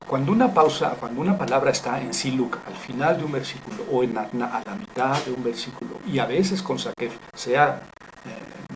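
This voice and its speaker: A man teaching Biblical Hebrew in a recorded lecture, explaining deliberately with frequent fillers and self-corrections. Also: mid-range voice, noisy background.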